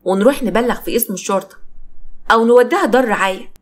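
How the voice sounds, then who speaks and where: A woman's voice: on the high side, fast, lightly acted. A woman voicing a supportive, practical Egyptian woman friend who asks what to do next. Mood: concerned. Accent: Egyptian Arabic.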